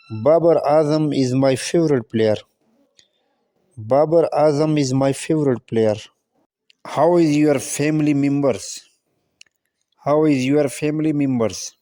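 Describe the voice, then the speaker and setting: A man reading short question-and-answer practice dialogues for English learners, saying each line twice in a deliberate way. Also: on the high side, warm tone. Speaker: English teacher.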